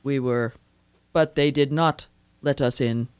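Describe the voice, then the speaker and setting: An actor playing a male robot lieutenant who talks in a precise, mechanical monotone. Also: medium pitch, measured pace, smooth, no room sound, lightly acted. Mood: flat.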